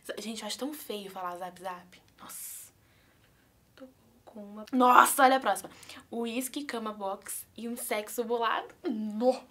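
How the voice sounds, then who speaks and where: A woman's voice: a little high, normal speed, pushed and bright. A young woman with a Brazilian accent chatting nervously and giggling through a prank video. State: anxious. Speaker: YouTuber pranking her mother. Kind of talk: casual prank vlog chat.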